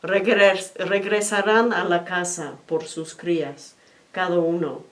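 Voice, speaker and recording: Earnest young cowherd as a woman reads him, halting, slow-spoken, storybook tale. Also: fairly low pitch, fairly even intonation. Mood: pleading.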